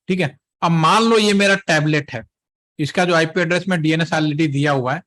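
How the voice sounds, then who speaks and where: With a voice a bit high for a man and fairly bright in tone, he lectures trainees one step at a time. Frequent pauses let him check that everyone understands, usually with a "theek hai."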